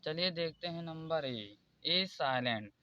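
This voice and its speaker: A man teaching English spelling rules in a slow, repetitive way and pointing out examples one by one. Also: a little high, expressive, no room sound, dull audio. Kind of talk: explaining spelling rules in Hindi.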